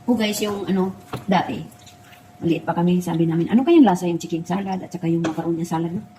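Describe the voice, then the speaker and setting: A woman's voice: fairly low pitch, fast talker, mellow, slight background noise, rough recording. Chatty middle-aged woman vlogging in her kitchen. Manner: chatty, keeps calling out to her viewers; tearful and laughing while she reminisces. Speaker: cooking vlogger. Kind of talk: casual cooking chat and personal storytelling.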